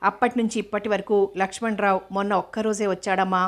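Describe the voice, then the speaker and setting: A humble, devoted housemaid earnestly pleading with her mistress, as a woman voices her. She speaks softly and respectfully in a mid-pitched, level voice. A storybook reading. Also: flat delivery, fast, close to an everyday voice.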